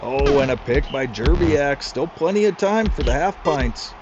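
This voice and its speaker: Excitable male play-by-play commentator, slow-paced. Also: on the high side. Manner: excitable, chatty asides to co-hosts. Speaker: league commentator. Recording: slightly muffled with clear music behind.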